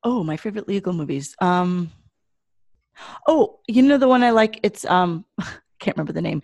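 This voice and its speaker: A woman's voice: fairly low pitch, lively intonation, normal speed, gravelly, a little mellow, no echo. A middle-aged woman with a Michigan accent, chatting casually as a podcast co-host. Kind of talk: casual scripted-topic podcast chat.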